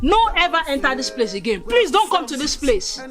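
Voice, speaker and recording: A woman's voice: sits high, very animated, a little fast. An actress playing a proud young village woman who turns away a suitor, speaking with a Ghanaian accent in a scolding, pidgin-laced way, with music under the dialogue. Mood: dismissive. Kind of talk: comedy series acting.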